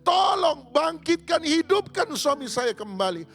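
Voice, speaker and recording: A man voicing a desperate grieving village widow, wailing and pleading in sobbing shouts. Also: extremely high pitch, expressive, moderate pace, gravelly, exaggerated voice. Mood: insistent.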